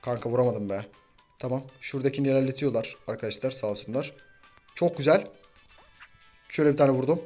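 A young man giving casual, excitable commentary over his own gameplay and teasing his teammates as he plays. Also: medium pitch, fast talker, long pauses, soft background music. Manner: excitable, banters and trash-talks teammates. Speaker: gaming YouTuber.

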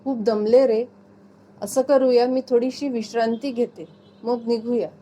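A woman's voice: fairly high pitch, fairly even intonation, unhurried, mellow, slight background noise, natural voice. A woman reading aloud, voicing a shy young wife who turns tired and exasperated with her husband. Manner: bashful, then exasperated. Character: young wife, shy but quick to scold.

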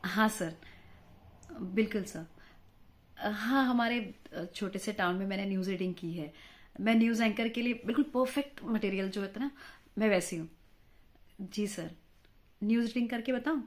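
A woman's voice: medium pitch, moderate pace, pauses often, close to an everyday voice. A woman playing a chatty, quarrelsome married mother in a comic monologue, fawning and talkative as a job candidate for a news anchor post. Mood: eager, polite. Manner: chatty, fawning toward interviewer, mixes English words into Hindi.

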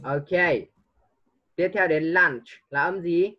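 A man's voice: a little high, slow pace, lo-fi sound. A man tutoring a young pupil one-on-one online, patiently coaxing answers and mixing English prompts into his teaching.

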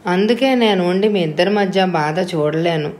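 A woman's voice: on the low side, moderate pace, a little mellow, lightly acted. A woman voicing a cheerful young woman who teases her best friend playfully. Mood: teasing. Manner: playful teasing. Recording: echoey room.

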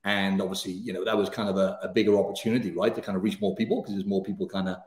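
A man in his thirties with a Welsh accent softened by years in Australia, a fitness coach chatting as a guest on a video call in a casual, upbeat way, full of "you know" and "right". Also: sits low, fairly even intonation, racing, echoey room. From Wales. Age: 30s. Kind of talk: casual interview chat. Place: home room, indoors. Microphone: studio mic on video call.

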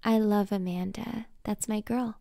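A woman's voice: medium pitch, steady tone, measured pace, gravelly, warm tone, no room sound, clean studio sound. A woman reading as a laid-back teenage boy. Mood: earnest. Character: easygoing teenage boy, high school star. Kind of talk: storybook reading.

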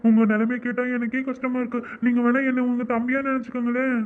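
A man voicing several parts in a comic cartoon, going from gruff threats to soft pleading. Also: very high-pitched, level tone, fast talker. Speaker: voice actor for a village comedy cartoon. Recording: tinny phone-like sound.

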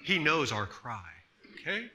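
A man in his thirties preaches a sermon in a church sanctuary. His voice is bright and ringing, a little high, with a very lively melody. He sinks to near-whispers and then surges into loud, emphatic bursts. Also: measured pace. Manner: swings from soft hushed tones to loud emphatic bursts. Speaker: pastor.

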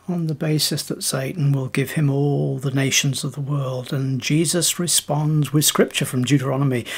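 A man giving a measured devotional sermon as the preacher. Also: a little high, vocal fry, slightly rough.

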